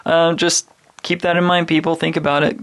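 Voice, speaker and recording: A man's voice: fairly high pitch, flat delivery, normal speed, fairly bright tone. A laid-back man co-hosting a gaming podcast and promoting an event he organizes. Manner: laid-back, laughs often. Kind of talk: casual podcast chat.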